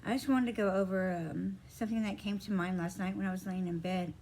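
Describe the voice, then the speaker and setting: A woman's voice: mid-range voice, fairly even intonation, fairly quick, a little mellow, a little hiss or hum, low-quality recording. Rambling woman telling a personal story. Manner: rambling, many fillers, acts out quoted dialogue. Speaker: vlogger. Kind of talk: casual personal storytelling to camera.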